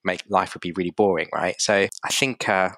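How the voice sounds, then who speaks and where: A man's voice: low voice, fairly even intonation, brisk, gravelly, fairly bright tone, no echo. A man hosting a podcast interview, chatty and encouraging, rambling with filler words. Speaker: podcast host.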